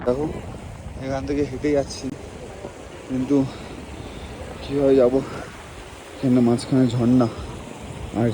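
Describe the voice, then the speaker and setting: Bengali-accented man, travel vlogger, short of breath at altitude, paced and excited, outdoor wind noise. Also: mid-range voice. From Bengal, India. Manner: talks slowly to save breath, excited exclamations. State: short of breath at high altitude, dry throat. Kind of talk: casual vlog walk-and-talk. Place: outdoors on a snowy mountain pass.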